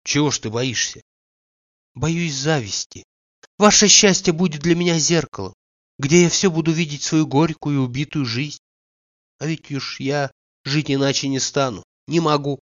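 A man reading aloud and voicing an emotional, timid gentleman who pleads and bursts out with feeling, on a dull, dry recording. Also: on the high side, moderate pace, no room sound, lightly acted. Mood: sad. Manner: excitable, pleading, swinging between fear and joy.

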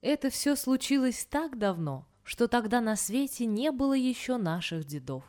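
A woman reading a folk tale aloud in an expressive storytelling manner. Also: a little high, moderate pace. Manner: expressive, sing-song storytelling.

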